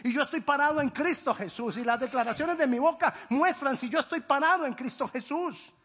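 A man preaching a sermon as a pastor, emphatic, swinging between loud declarations and hushed asides. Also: extremely high pitch, fairly quick.

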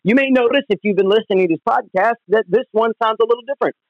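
This devotional podcast teaching comes from a pastor at home who talks earnestly and conversationally in a high voice at a very fast pace. It's captured as a dry, dull, lo-fi phone recording without echo.

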